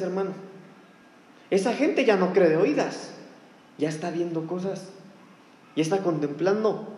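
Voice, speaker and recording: A man's voice: high-pitched, a little mellow. A man preaching a sermon to his congregation, calling them "hermano" as he speaks. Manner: impassioned, addresses congregation as "hermano". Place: church hall. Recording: echoey hall, faint room noise.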